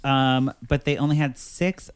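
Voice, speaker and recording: A man hosting a casual podcast chat with a mid-range voice. He talks in an animated way and gets heated as he reads quotes aloud. He keeps the conversation moving. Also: mid-range voice, measured pace, clean tone. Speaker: podcast host.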